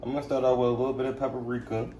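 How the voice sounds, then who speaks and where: A young man with a medium-pitched, flat voice talks rapid-fire in a dark tone, sounding roomy and distant with a little hiss or hum. He's a vlogger cooking for his family in his home kitchen, chatting in a laid-back, slangy way and often asking "you feel me?" It's casual cooking vlog talk.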